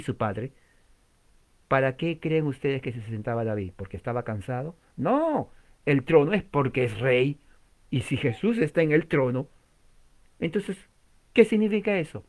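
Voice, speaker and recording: A man preaching a sermon in a teaching manner. He asks the listeners many questions, repeats key words and jumps up in emphasis. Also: medium pitch. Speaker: pastor.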